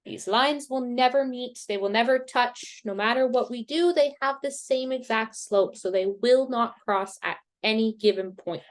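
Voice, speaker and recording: A woman teaching a math lesson, talking slowly and patiently through each step, with a somewhat high voice. She pokes fun at her own drawing skills now and then. She has the hiccups. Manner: slow, patient step-by-step explaining with self-deprecating asides. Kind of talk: recorded screen-share math lesson.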